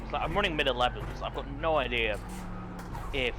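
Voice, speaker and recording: A man's voice: medium pitch, a little fast, over loud music. A man chatting casually with a friend during an online race. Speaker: fellow sim racer. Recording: loud car sounds behind voice.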